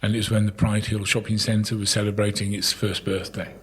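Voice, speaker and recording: A man's voice: lowish voice, flat delivery, a little fast, a little hiss or hum. A middle-aged man, a town crier being interviewed, telling anecdotes in a casual, chatty way and often repeating words as he goes.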